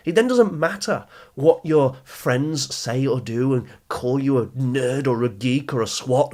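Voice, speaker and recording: Here a man with a mid-range, darkish voice coaches teenagers as the host of an educational podcast. His motivational monologue speaks directly to the listener, instructive, encouraging and full of emphasis.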